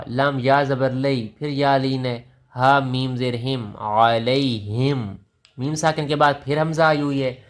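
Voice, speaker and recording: A man with a Pakistani Urdu accent teaching Quran recitation. He patiently spells out each letter with its vowel mark, then slowly chants the verse. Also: mid-range voice.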